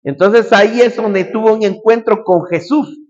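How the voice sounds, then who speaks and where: A high-pitched man preaching in storytelling fashion, acting out the lines and sound words as he retells the story. The recording is dull and lo-fi. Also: normal speed. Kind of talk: sermon retelling a Bible story.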